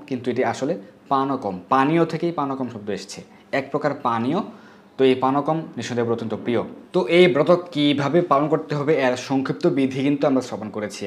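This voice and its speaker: A man of middle pitch teaching a home worship ritual in a measured, instructional way. He slows down and recites the mantras deliberately, one phrase at a time. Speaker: religious teacher. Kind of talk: instructional talk with chanted Sanskrit mantras.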